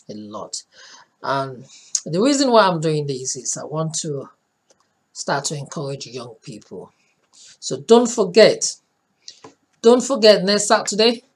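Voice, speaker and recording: A woman in her thirties speaks as host in a low, husky voice. She talks in an earnest, encouraging way and tends to repeat her points for emphasis. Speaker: host, art teacher. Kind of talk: casual talk to camera.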